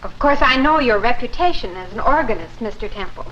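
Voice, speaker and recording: A conscientious, polite churchwoman in a 1950s promotional film. Her delivery is proper and earnest, with lively intonation. The soundtrack is muffled and slightly noisy. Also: on the high side, brisk. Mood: polite, curious.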